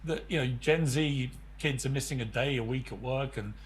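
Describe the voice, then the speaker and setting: A man's voice: medium pitch, normal speed. A man hosting a television talk show, probing the issue and putting questions to his panel. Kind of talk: studio debate hosting.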